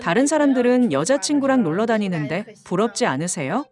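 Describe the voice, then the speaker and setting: An interviewer asks probing questions with a lively voice whose pitch moves a lot. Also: a little fast, music in the background.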